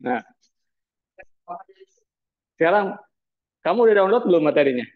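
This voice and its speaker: A man's voice: fairly high pitch, animated, normal speed. A man lecturing a university class, prodding students with repeated teasing questions. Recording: tinny phone-like sound.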